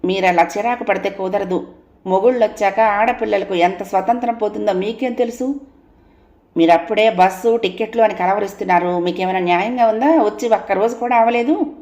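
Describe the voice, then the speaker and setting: A woman voicing a bold, talkative young wife who scolds and teases in a quick, playfully bossy way. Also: medium pitch, darkish tone, dull audio, close to an everyday voice. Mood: scolding. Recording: roomy echo.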